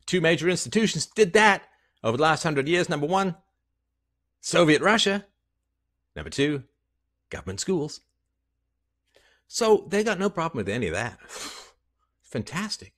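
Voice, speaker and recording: Pausing often and speaking a little slowly, an angry man rants alone to the camera. This podcast host is sarcastic and foul-mouthed, with lively pitch swings, and he lurches from quiet muttering to loud outbursts in a small room with a plain wall.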